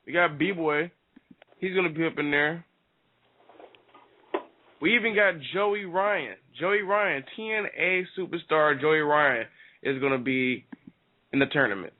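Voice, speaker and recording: A man's voice: fairly high pitch, unhurried, long pauses. Brash guy on a lo-fi line. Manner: brash, teasing, swears freely. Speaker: radio show co-host. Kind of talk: casual wrestling talk radio. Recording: phone-like lo-fi audio.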